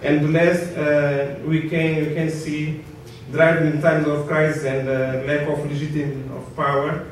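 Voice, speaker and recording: A man's voice: fairly high pitch, level tone, a little slow, few pauses. A man giving a formal conference presentation, hesitant and searching for his words. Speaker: conference speaker. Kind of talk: halting formal presentation in English. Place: indoor conference room. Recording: very echoey hall, distant mic, faint noise.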